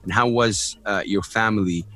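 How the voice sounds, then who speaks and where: A man's voice: lowish voice, moderate pace, pushed and bright. A man hosting an interview show, talking in an enthusiastic, rambling way full of fillers. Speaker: podcast host. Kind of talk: casual interview talk. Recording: dull lo-fi sound, faint music.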